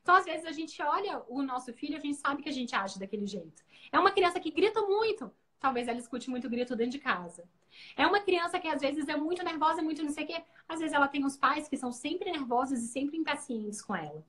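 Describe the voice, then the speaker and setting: A woman giving parenting advice in a casual live chat, animated, acting out parents' and children's voices. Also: high-pitched, fast. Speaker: guest parenting educator. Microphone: video call.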